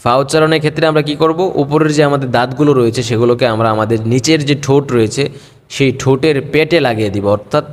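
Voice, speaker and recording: A man teaching a patient pronunciation lesson on Arabic letters, in a mid-pitched voice. He says each letter slowly and stretches it out in a half-sung way. His voice rings on in a long hall reverb.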